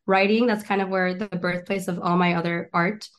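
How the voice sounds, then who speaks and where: A woman's voice: fairly low pitch, fairly even intonation, normal speed. A woman in her twenties from Miami and Argentina, a guest talking about her career in a casual interview, eager and chatty with many restarts. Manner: chatty and eager, lists things, frequent restarts. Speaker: guest, actress and stand-up comedian.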